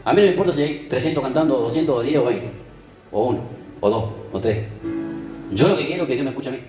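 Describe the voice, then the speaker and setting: A man's voice: mid-range voice, expressive, fast, lo-fi sound. Man, sermon, chatty asides to the congregation, roomy church sound, guitar in the background. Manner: conversational, keeps asking the congregation "¿vio?" and "¿sí?". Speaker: preacher. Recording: echoey church with music behind.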